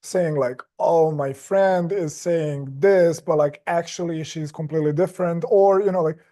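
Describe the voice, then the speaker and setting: Male podcast guest, mellow tone, slow and measured, casual. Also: a little high. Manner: measured and slow, with frequent restarts and "like" fillers. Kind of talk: casual chat.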